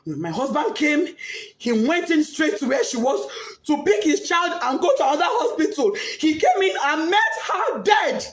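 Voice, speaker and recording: Tearful nigerian mom pleading, voice high and all over the place, echoey room. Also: female voice, big pitch swings, normal speed. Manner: impassioned, pleading, swings from hushed to shouting. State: grieving, tearful. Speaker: bereaved mother. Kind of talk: emotional public statement.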